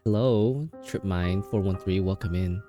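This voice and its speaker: Low mellow male streamer, chatty and emotional, music under him. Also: a little slow. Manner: emotional, chatty, stammering restarts. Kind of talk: casual game stream chat.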